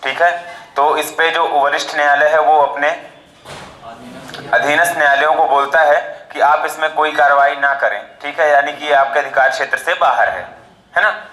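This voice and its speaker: A man's voice: a little high, steady tone, moderate pace, sharp tone, reverberant, poor audio. A male teacher giving a classroom lecture, explaining step by step and often checking with short tag questions.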